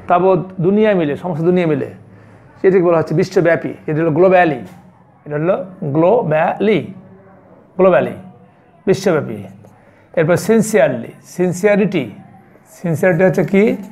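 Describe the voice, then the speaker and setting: A male school teacher giving an online English lesson to young children, explaining word meanings step by step and repeating each answer slowly. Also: sits high, gravelly, a little mellow.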